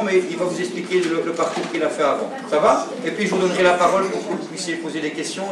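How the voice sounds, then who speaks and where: A man's voice: on the high side, echoey room, far from the mic, poor audio. A man coaching youth football, addressing a group of kids in a rambling way with many fillers. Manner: rambling, repeats himself with fillers.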